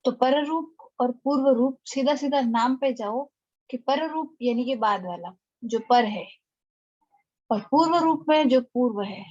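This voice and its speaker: A woman leads an online class in a fairly high voice. She explains each point step by step and keeps checking that her students are with her. The sound is dull and lo-fi, like a streamed lesson. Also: unhurried, a little mellow. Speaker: teacher. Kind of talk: online lecture.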